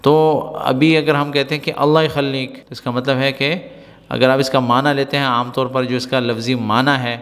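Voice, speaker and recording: A man's voice: medium pitch, little pitch movement, fairly bright tone. Male language teacher, patient and repetitive, with a long room reverb. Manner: patient, repetitive explaining with frequent "right?" checks. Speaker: Arabic teacher. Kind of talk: spoken Arabic lesson explained in Urdu.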